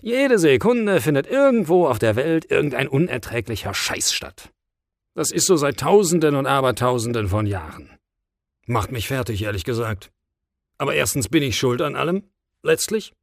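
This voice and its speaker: A man's voice: medium pitch, sing-song, moderate pace, vocal fry, no room sound, clean studio sound. A man reading an audiobook, voicing God as a weary, blunt, casual figure.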